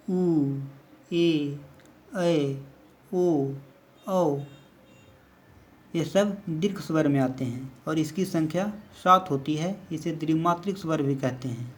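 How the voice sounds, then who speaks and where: A man gives a basic grammar lesson in a slow, patient way, moving step by step. His voice sits a little on the high side. He often stops to count the letters out loud. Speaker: teacher.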